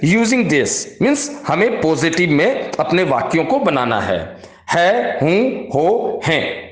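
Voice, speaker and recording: A man, teaching a beginner Japanese grammar lesson and explaining slowly, with repeated words and spelled-out English examples. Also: a little high, reverberant. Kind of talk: classroom-style grammar lesson.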